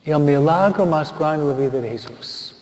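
Priest guy, slow homily, fairly high voice, long church echo, dull recording. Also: a little mellow, slight background noise. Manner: slow, deliberate storytelling with pauses. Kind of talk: funeral homily.

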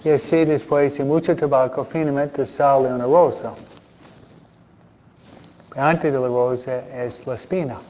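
Slow-paced priest, dull muffled recording. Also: male voice, fairly even intonation, mellow, big-room sound, slight background noise. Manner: deliberate, with frequent pauses. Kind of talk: Gospel reading and homily. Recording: dull, muffled low-fidelity sound.

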